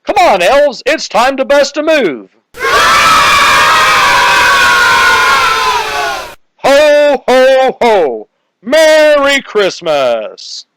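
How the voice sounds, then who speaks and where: Jolly, booming Santa Claus, high-pitched. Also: male voice, big pitch swings, slow, a loud crowd, heavy background noise, full character voice. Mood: jolly, exuberant. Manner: exuberant, exclaiming. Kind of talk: comedic radio detective parody.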